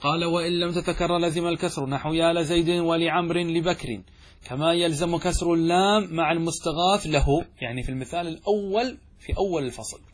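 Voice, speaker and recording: Male grammar teacher, husky voice, slightly high, asks and answers his own questions, drawn-out examples. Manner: slows and stretches example phrases. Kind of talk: classical text lesson with explanation.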